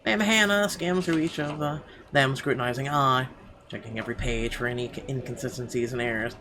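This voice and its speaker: Over some background noise, this mid-range male voice moves slightly quickly through a let's play. Reading narration aloud, he trips over words and drops sarcastic remarks along the way.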